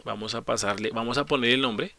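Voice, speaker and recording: Male tutor with a bright voice for a screen-recorded coding lesson. He walks through each step, poses questions and answers them himself, with keyboard typing behind. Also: mid-range voice, fairly quick, gravelly. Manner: explains step by step, asks and answers his own questions, corrects slips. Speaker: programming teacher.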